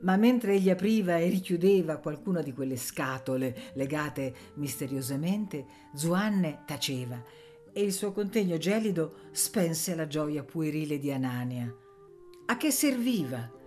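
Low-pitched female narrator, measured audiobook reading. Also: expressive, darkish tone, faint music behind. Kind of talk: scripted narration.

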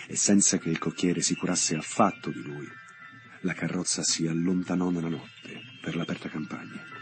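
A man reading a literary novel aloud in a measured, dramatic way, with long pauses between phrases. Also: very deep voice. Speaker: audiobook reader. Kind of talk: scripted literary narration.

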